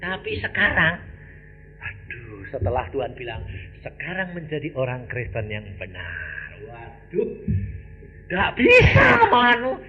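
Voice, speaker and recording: An older man from Indonesia preaching a storytelling sermon, with dramatic swings between loud, high outbursts and quiet, low asides. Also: expressive, measured pace. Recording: slightly dull, faint background noise.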